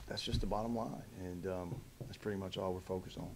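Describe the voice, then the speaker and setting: A man in his thirties, a head coach at a post-game press conference, answering in a measured way with many fillers and restarts into a table mic. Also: low-pitched, steady tone, noisy background. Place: press conference room in front of a backdrop. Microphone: table mic in front of him.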